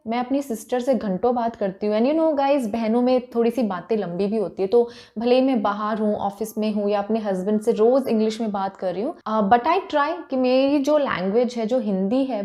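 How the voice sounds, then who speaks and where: A woman's voice: fairly high pitch, warm tone. A woman from India in her thirties with an Indian accent, chatting casually to camera in a Hindi-English mix with frequent fillers. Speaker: vlogger.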